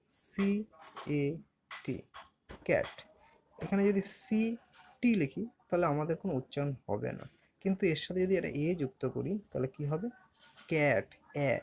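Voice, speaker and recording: A man teaching a beginner language lesson, patiently explaining, spelling words out letter by letter and slowly stretching syllables. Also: a little high, a little mellow, slight background noise. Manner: patient, explanatory, asks and answers his own questions.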